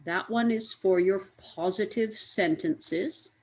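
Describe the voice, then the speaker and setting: A woman's voice: mid-range voice, slow pace, darkish tone, low-quality recording. A woman teaching an English grammar lesson, speaking carefully, spelling out letters and repeating each example.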